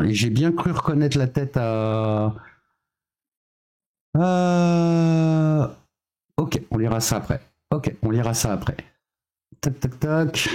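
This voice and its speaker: A man's voice: medium pitch, mellow. Chatty French man live-streaming. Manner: chatty, thinks aloud with filler sounds. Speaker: streamer hosting a live reaction. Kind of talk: casual live-stream chat.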